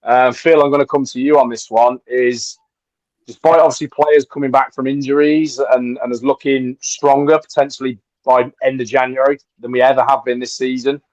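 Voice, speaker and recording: A man hosting a fan football podcast. He talks in a relaxed way, passing questions around the panel. His voice comes through a dull, lo-fi, dry recording. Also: mid-range voice, moderate pace, dry recording. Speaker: podcast host. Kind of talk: casual football podcast chat.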